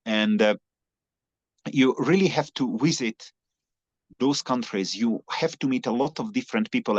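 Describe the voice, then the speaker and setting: This is a Hungarian man, speaking his native language, interviewed as a guest about long-distance cycling in an earnest, conversational way, with lots of fillers and restarts. His voice is lowish, and the slightly dull lo-fi recording has no echo.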